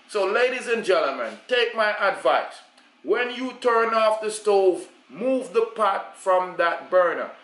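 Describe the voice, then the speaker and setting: Speaking into a counter-mounted camera in his indoor kitchen, this middle-aged Jamaican cooking host keeps things chatty, slipping into patois now and then. His voice sits on the high side and sounds a bit bright. The audio is poor, with an echoey room.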